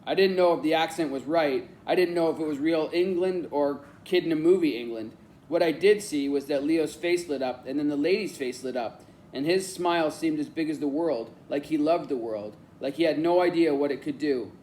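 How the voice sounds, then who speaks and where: Brief: male audiobook narrator, calm reflective storytelling, a faint hiss behind. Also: fairly high pitch, normal speed. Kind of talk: scripted narration.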